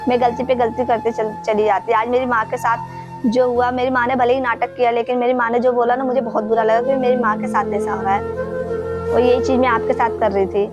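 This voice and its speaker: A woman playing a high-voiced, sharp young daughter-in-law. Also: little pitch movement, dull audio, lightly acted. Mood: remorseful. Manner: quick, scolding, talks down to her elders. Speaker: actor in a family drama skit. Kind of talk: home-made family drama acting. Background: background music.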